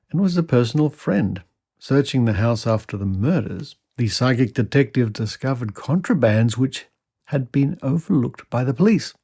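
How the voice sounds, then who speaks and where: A man with a gravelly, creaky voice reads an old article aloud as a podcast host. He is mid-pitched and drops in wry comments between passages. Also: mellow. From Australia. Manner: wry asides while reading. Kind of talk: reading an old news article aloud with asides.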